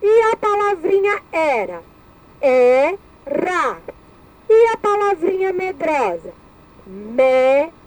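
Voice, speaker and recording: Slow, lilting Brazilian teacher woman. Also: very high-pitched, sing-song, low-quality recording. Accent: Brazilian Portuguese. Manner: slow, syllable-by-syllable, repeats each word. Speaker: primary school teacher. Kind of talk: recorded lesson for young children.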